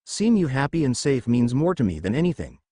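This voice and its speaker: A man's voice: medium pitch, sing-song, brisk, mellow, breathy edge, no echo. A man doing a blunt, caring teen ninja. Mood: earnest. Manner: dry and frank.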